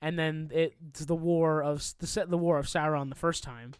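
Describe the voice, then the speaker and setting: A man's voice: a little high, steady tone, moderate pace, clear, resonant tone, dry recording. A man hosting a casual podcast chat, joking loosely and swearing often. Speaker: podcast host.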